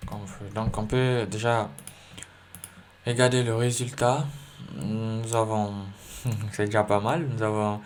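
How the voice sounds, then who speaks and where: A male coding tutorial instructor, low-voiced and flat, speaks slowly in a screen-recorded lesson over slight background noise. He thinks aloud with plenty of fillers and self-corrections, while faint keyboard typing and clicks are heard.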